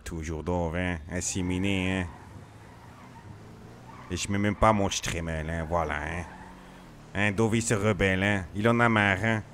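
A man's voice: low-pitched, fairly even intonation, measured pace, long pauses, fairly bright tone, a little hiss or hum. A streamer playing a touchy, grumbling man in an improvised role-play, tagging a questioning word onto nearly every phrase. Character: touchy, grumbling man who feels picked on.

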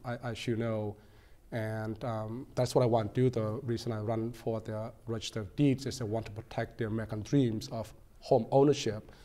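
A man in his forties, born in Cambodia, telling his story as a guest in a TV studio interview, earnest and measured with frequent ums. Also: fairly low pitch, warm tone. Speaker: guest, political candidate. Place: small TV studio set.

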